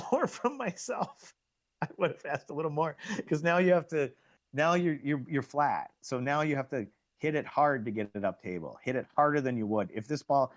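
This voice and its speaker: A middle-aged man giving excitable, coaching commentary on a live pool match, laughing at himself often. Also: fairly low pitch.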